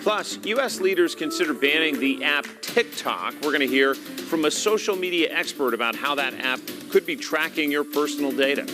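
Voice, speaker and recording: A man reading scripted local news as an anchor, polished and clearly projected. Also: fairly high pitch, lively intonation, normal speed, few pauses, music in the background.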